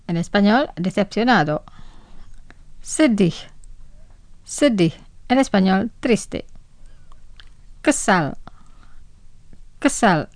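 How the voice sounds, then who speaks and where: Woman radio tutor, slow and formal, repeats words twice, dry close sound. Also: mid-range voice, dry recording. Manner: formal, says each word twice for repeating. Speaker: radio language-lesson presenter. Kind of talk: scripted radio lesson.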